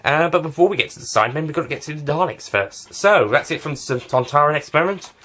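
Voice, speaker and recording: A man's voice: fairly high pitch, expressive, fast talker, bright, forceful tone. A man giving a casual spoken review of a TV series, rambling and often restarting and correcting himself.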